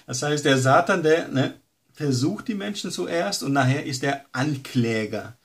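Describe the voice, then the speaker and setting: A man teaching a Bible lesson in a loose, conversational way, often tagging his sentences with quick questions. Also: fairly high pitch, lively intonation. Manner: conversational, frequent tag questions.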